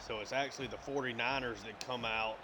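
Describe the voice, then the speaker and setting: Casual male gaming commentator, hiccups, mid pitch, noisy background. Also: fairly even intonation, a little fast. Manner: conversational, filler-heavy, hiccuping. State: has the hiccups. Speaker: gaming YouTuber. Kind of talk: play-by-play game commentary.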